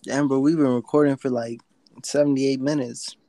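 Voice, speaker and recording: A man's voice: mid-range voice, fairly even intonation, moderate pace, mellow, no room sound. A young man co-hosting a casual podcast, talking in a laid-back, slangy way. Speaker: podcast co-host. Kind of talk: casual chat.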